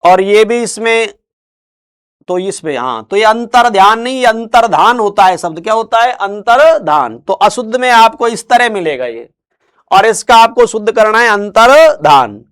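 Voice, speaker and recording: A man teaching Hindi spelling, who drills each word by asking questions and answers them himself in slow, drawn-out tones. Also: high voice, sing-song, fairly bright tone, smooth. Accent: Rajasthani Hindi. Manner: drills words with repeated questions, stretches out answers slowly. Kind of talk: spelling lesson.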